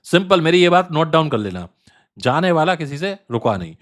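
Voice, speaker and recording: A man with a slightly high voice walks viewers through trading charts in a loose, conversational way. He repeats his key phrases for emphasis and fills pauses with chatty asides, like a channel host teaching his regulars. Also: very animated. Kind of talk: casual chart analysis tutorial.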